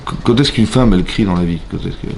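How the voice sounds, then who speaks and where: A man with a French accent, a rabbi giving an animated Torah class in a synagogue, questioning his listeners and acting out voices. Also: deep voice, quick pace, creaky. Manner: animated, asks the audience questions, acts out voices. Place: synagogue hall.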